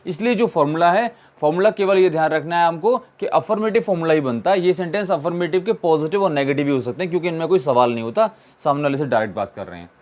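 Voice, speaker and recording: A man's voice: a little high, expressive, fast talker, few pauses, a little mellow. A man teaching an English grammar lesson, asking questions and answering them himself and repeating the key points. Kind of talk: classroom-style explanation.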